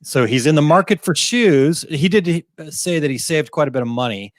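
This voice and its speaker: A man's voice: fairly high pitch, lively intonation, normal speed, no room sound, studio quality. A man co-hosting a casual live Q&A, reading viewer questions aloud and joking around with frequent laughs. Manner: jokey, laughs often, reads questions aloud.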